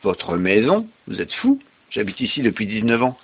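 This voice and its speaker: A man reading a storybook who voices a furious, stern woman in a high, shrill voice. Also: huge pitch swings, normal speed, gravelly, slightly rough, lo-fi sound, heavily acted.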